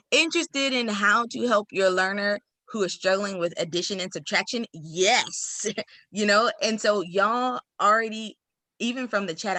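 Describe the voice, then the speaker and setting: A woman's voice: mid-range voice, bright, forceful tone, dry recording. A woman presenting at a teacher workshop over a video call, talking animatedly, laughing often and acting out quoted voices. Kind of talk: casual video-call discussion.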